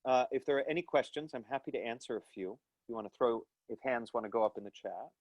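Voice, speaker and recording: Speaking quickly in a mid-range voice, a man in his thirties gives a live online acting lecture and Q&A from a small room at home. The earphone headset mic on the video call yields a rough recording with no echo. He talks thoughtfully, restarting often and using many fillers, with hand gestures as he explains.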